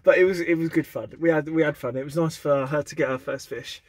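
A man in his thirties wrapping up a fishing vlog in a chatty, relaxed way from inside a van, close to the camera. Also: a little high, fairly quick, slight background noise. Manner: chatty, relaxed, casual with mild swearing. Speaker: fishing vlogger. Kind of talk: casual vlog sign-off. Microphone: camera held close, selfie framing.

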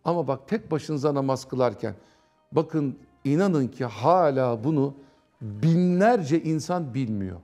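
A man giving a conversational religious talk on TV, animated and mimicking others as he explains. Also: mid-range voice, slow pace, soft background music. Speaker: preacher.

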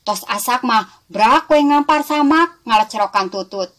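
In a bright, animated, rather high voice at a moderate pace, the West Javanese woman with a Sundanese accent performs a scripted tale for young listeners, narrating with plenty of expression.

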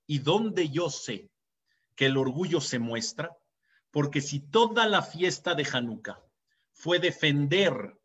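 Earnest and story-driven, this rabbi is a young adult man with a Mexican Spanish accent whose voice is fairly high and a bit bright. He lifts his voice dramatically when quoting, and the lo-fi recording sounds dull.

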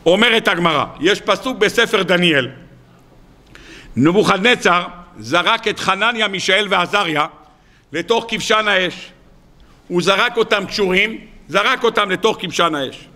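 A rabbi delivering a weekly sermon, talking in a high, bright voice. He tells it as a story and slips in jokes along the way. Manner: storytelling, humorous asides.

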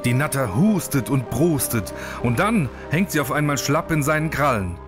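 A man reading a storybook narration with a mid-pitched voice that rises and falls a great deal. Soft music plays faintly behind him. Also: moderate pace. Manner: expressive, animated.

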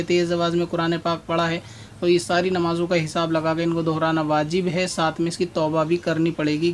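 A man with a high, fairly flat voice lays out a religious ruling step by step, pausing with a drawn-out "aa" as he thinks. Faint noise sits under his voice. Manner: steady explanatory, pauses with "aa". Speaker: Islamic scholar answering a question. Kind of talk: religious Q&A explanation.

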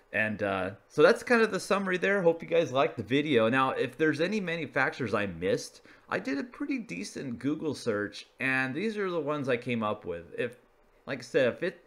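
A man with a medium-pitched, fairly bright voice presents a hobbyist explainer over slides. He's a video presenter and radio hobbyist, speaking casually and unscripted, feeling his way through phrases as he goes.

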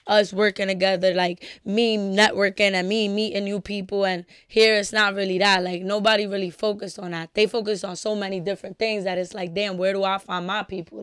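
Blunt Bronx-raised woman, smooth dry voice. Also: mid-range voice, a bit bright, dry recording. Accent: New York. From New York, the Bronx. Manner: blunt, slangy, swears freely. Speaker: guest musician. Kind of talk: casual podcast chat.

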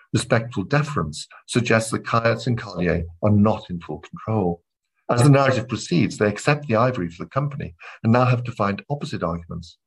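A male academic lecturing on literature in a measured, deliberate way. His voice sits low and carries a slightly husky grain throughout. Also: rough recording. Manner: measured, reads quoted passages aloud between comments. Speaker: literature professor giving a lecture.

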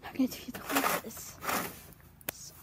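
A young woman filming a casual vlog outdoors at a barn at night, talking haltingly and calling to her animals as she does chores, recorded on a handheld device at arm's length. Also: heavy background noise. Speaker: vlogger.

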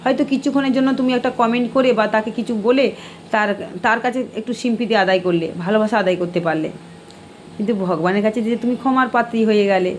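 A woman's voice: fairly high pitch, quick pace, slight background noise. A middle-aged woman hosting a live stream, answering viewer comments in a preachy, admonishing way. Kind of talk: casual live-stream chat.

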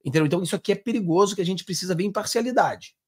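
In a live-stream reaction, a Brazilian man in his thirties comments on political clips at a racing pace, earnest and emphatic, his hands gesturing as he talks. He has a Brazilian Portuguese accent and a voice a little higher than most men's, and he speaks into a desk mic with over-ear headphones in a small home studio.

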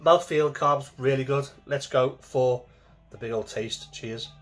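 A man's voice: mid-range voice, steady tone, a little slow, fairly bright tone, faint music behind. A man in his forties, talking casually to camera from a small home kitchen as he reviews a beer, chatty and repeating himself as he goes.

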